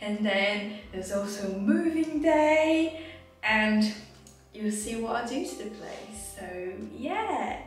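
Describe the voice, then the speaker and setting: A woman's voice: medium pitch, expressive, takes it slowly. A woman vlogger touring an empty house and garden, gushing and exclamatory as she walks the camera around. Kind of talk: casual house tour vlog. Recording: echoey rooms, far from mic, music behind.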